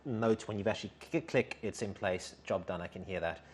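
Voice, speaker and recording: A man in his thirties with a deep voice talks a little fast as co-host of a product demonstration. He chats casually, reacting and commenting, in an indoor tool workshop showroom.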